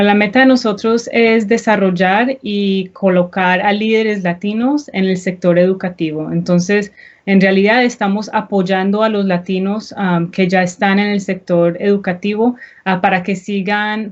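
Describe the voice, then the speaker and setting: Earnest woman on a dull video call. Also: mid-range voice. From Medellín, Colombia. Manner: earnest, explanatory. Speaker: guest, executive director of an education nonprofit. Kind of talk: live online interview. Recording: dull lo-fi live-stream audio.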